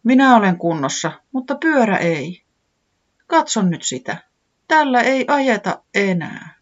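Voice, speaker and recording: A storyteller voices a tearful, excitable little bunny boy, high and wailing, swooping up in a lively way and always on the verge of crying. He sounds upset, and the audio is dull and lo-fi, like an old storybook tape.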